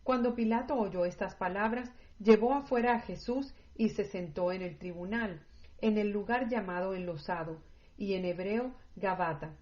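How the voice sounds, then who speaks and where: A woman reading scripture aloud at a measured, steady pace. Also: mid-range voice. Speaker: scripture reader. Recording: dull lo-fi audio.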